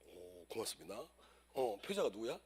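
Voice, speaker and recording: Lively Korean law lecturer, man. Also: fairly low pitch, normal speed, breathy edge. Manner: lively, drills students in chants, acts out scenes. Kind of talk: exam-prep lecture.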